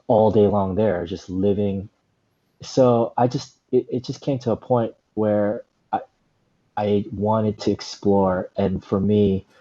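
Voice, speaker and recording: A man in his forties, a stand-up comedian, telling stories in a relaxed, rambling way with lots of "you know" and "like". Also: low voice, dull audio. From Southern California, USA. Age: 40s. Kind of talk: casual interview storytelling.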